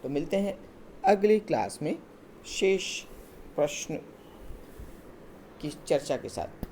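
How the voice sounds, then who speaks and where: A male teacher explaining textbook exercises in a recorded class, patient and step by step, with hesitant pauses. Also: fairly high pitch, very animated, darkish tone, slight background noise.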